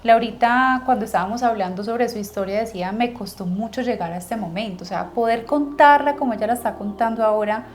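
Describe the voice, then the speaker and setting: A woman hosting an interview, asking reflective, halting questions. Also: a little high, a little hiss or hum. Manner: reflective, halting, searching for words. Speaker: host.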